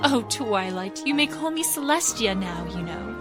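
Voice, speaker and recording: A woman voicing a merry, regal pony princess and mentor, drawn-out and reassuring, in a fan fiction reading. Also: fairly high pitch, lively intonation, music in the background, close to an everyday voice. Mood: merry, fond.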